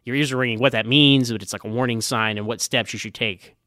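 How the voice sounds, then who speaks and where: Male podcast host, quick and chatty, dry close sound. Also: mid-range voice, steady tone, pushed and bright, dry recording. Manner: chatty, with fillers like "like" and "right". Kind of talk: casual interview chat.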